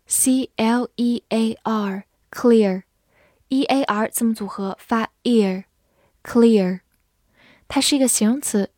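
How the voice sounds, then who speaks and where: Female vocabulary teacher, slightly high voice, unhurried, spells words aloud, dry close recording. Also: darkish tone, dry recording. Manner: clear, deliberate, spells words letter by letter. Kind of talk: slow scripted vocabulary lesson.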